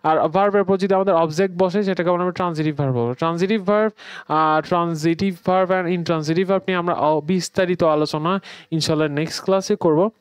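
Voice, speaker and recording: Bangladeshi male English teacher, chatty lesson delivery, clear tone, dry recording. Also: high voice, fairly even intonation, quick pace, no echo. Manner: conversational, mixing English words into explanations. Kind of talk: online grammar lesson.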